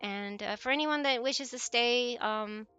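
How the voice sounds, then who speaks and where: A woman live streamer rambles casually and conversationally to her chat. Her voice is on the high side, bright, pushed and clean in tone, at a measured pace. Background music plays behind her.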